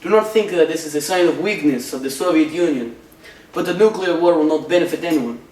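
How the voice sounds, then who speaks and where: A man's voice: fairly high pitch, fairly quick, a little mellow, natural voice. A young man playing a boastful, threatening Soviet leader, trying a Russian accent. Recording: echoey room, mic far off.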